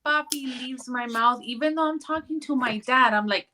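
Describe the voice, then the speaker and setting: A woman co-hosting a podcast in a casual chat, giving expressive, dramatic reactions. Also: high-pitched, moderate pace, a crowd in the background. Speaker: podcast co-host.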